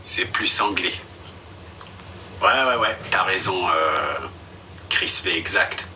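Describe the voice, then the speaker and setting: Young guy rambling on a tiktok live, slow and blunt, really bright voice, bit far from the mic with faint noise. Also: deep voice. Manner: slangy, blunt and dismissive. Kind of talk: casual live-stream chat.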